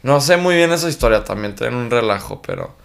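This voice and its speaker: A man with a northern Mexican accent telling his childhood story in a relaxed, slangy podcast chat. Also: mid-range voice, quick pace, gravelly. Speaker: podcast guest. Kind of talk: casual chat.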